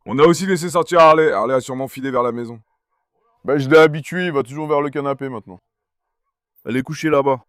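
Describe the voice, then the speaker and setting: Medium in pitch and fast in delivery, this man's voice comes through as a dry, studio-quality recording. He's outdoors on a farm with animals, talking casually to the camera vlog-style as he handles his dogs, coaxing them and calling them over and over.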